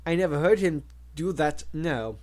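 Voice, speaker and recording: An easygoing young shop clerk in an audiobook, read by a man. He asks friendly, curious questions in a fairly high voice. His pitch moves in a lively way. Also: moderate pace, lightly acted.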